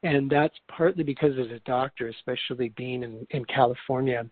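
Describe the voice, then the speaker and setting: Brief: forty-nine-year-old man, husky, reflective and halting, dry phone-line sound. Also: medium pitch, no echo. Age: 40s. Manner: reflective, halting, many restarts and fillers. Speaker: yoga teacher and Ayurvedic doctor. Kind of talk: interview answers.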